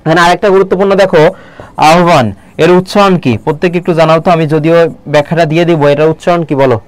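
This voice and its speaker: A man teaching a live online Bangla lesson, keeps asking the viewers questions and slows down to read poem lines aloud. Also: on the high side, fairly even intonation, no echo. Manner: quizzing viewers with repeated questions.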